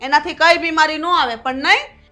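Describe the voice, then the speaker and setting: A woman's voice: sits high, moderate pace, bright, forceful tone, soft background music. An actress playing a domineering, proud mother-in-law who scolds and lectures her daughter-in-law. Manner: scolding, bossy, indignant. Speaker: actor in a short film. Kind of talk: family drama acting.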